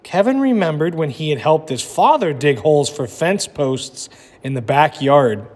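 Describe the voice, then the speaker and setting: Narrating a children's story as a teacher, a man speaks at a normal speed in a slightly high, darkish, expressive voice. He teaches as he reads and checks in with listeners, while the echoey room adds long reverb.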